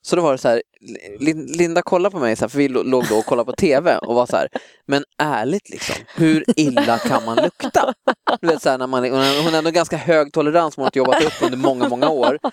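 A man talks in casual chat, joking at his own expense. His pitch swings widely as he tells the story. The recording is dry and close. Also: creaky, no room sound. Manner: jokey, self-mocking, lively. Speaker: father in a family chat.

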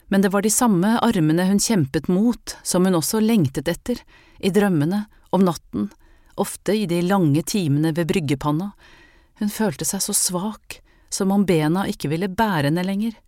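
Low, warm-voiced woman reading a novel. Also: dry recording, studio quality. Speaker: audiobook narrator. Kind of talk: scripted narration of a novel.

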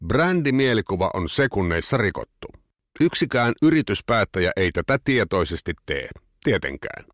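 A man narrating a scripted essay for his podcast in a measured, reflective way. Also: fairly low pitch, sing-song, a bit bright, no echo, clean studio sound.

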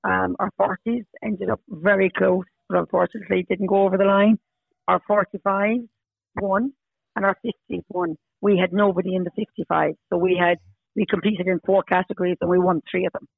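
A woman in her fifties talks casually and emphatically in a Munster Irish accent. Her voice has plenty of fry in it. It comes through a narrow, tinny phone-style connection with very little room around it. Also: mid-range voice, fairly even intonation, fairly quick, no room sound. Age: 50s. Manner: chatty, emphatic repetition. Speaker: podcast guest, Masters hockey player. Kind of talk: casual interview.

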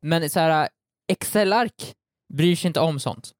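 Slightly high man arguing a point. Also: dry recording, studio quality. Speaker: podcast co-host. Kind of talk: casual chat.

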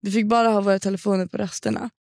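A woman's voice: medium pitch, steady tone, a little mellow, no room sound, studio quality. A young woman from Sweden telling a long story in casual podcast chat, slangy and swearing. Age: young adult. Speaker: podcast co-host.

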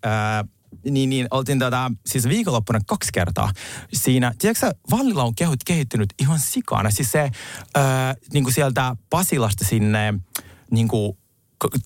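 A man's voice: medium pitch, no room sound. Chatty young podcast man, dry mic. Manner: chatty, laughs often, animated storytelling. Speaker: podcast co-host. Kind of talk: casual chat.

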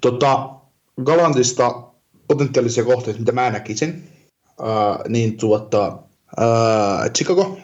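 A man's voice: medium pitch, a little mellow. A man co-hosting a casual podcast chat, rambling and thinking aloud with lots of fillers. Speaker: podcast co-host. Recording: dull lo-fi sound.

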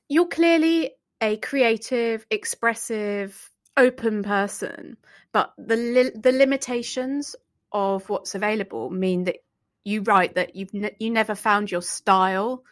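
A woman hosting an interview podcast, friendly and playful, laughing along with her guest. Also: on the high side. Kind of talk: conversational interview.

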